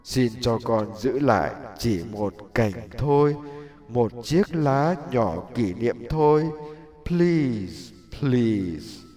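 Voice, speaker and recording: Give me a man doing a humble young bamboo tree from a storybook, soft and pleading, with quiet music behind. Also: mid-range voice, lively intonation, a little slow, natural voice. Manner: soft, pleading, tearful delivery. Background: faint background music.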